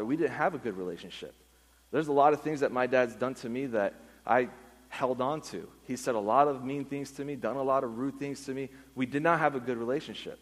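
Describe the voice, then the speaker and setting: A man telling an earnest personal testimony in a sermon, going low and quiet at the emotional moments. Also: long reverb tail, poor audio. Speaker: speaker giving a testimony.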